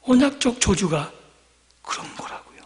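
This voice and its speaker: High-voiced preacher in a reverberant hall. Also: male voice, very animated, normal speed. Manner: swings from loud emphatic lines to near-whispered endings; asks the congregation rhetorical questions. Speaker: pastor. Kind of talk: sermon.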